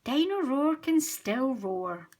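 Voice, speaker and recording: A woman's voice: on the high side, big pitch swings, a little slow. A woman reading aloud, voicing a kind mother pig from a cartoon storybook in a soothing, reassuring way.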